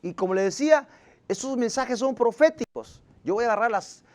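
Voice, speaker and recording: A male pastor, preaching a sermon that swings between loud emphasis and low, quiet asides. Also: lively intonation, brisk.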